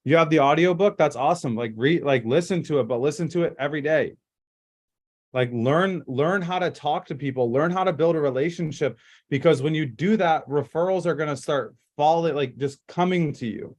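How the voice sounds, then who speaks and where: A man's voice: fairly high pitch, brisk, a little mellow. A man leading a casual sales training over a group video call, talking in emphatic, rambling bursts with lots of fillers and restarts.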